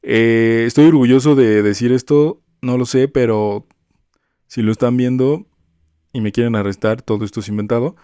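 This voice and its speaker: A young man, telling stories from his past jobs in an animated, chatty way. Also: mid-range voice, moderate pace, smooth, dry recording, studio quality. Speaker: vlogger. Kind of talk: casual storytime gossip.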